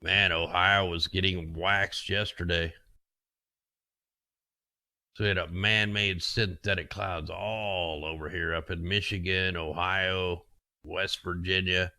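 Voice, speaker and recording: A man's voice: deep voice, steady tone, slow, pushed and bright, no echo. A man casually talking through weather maps as host, rambling and conspiratorial, with his voice getting worn. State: losing his voice. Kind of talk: casual screen-share commentary.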